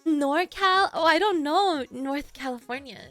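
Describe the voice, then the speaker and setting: Woman, high voice, slow drawn-out chat, playful, faint music behind. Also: a bit bright. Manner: playful, jumps into silly voices and accents. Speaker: streamer. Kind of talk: casual chat to live chat.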